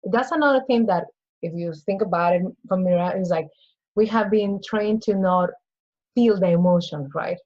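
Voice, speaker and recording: A Peruvian woman with a Peruvian Spanish accent appears as a guest coach in a casual interview, speaking earnestly at a moderate pace. Her voice is fairly low and darkish, and she repeats phrases and acts out little inner voices. The sound is lo-fi.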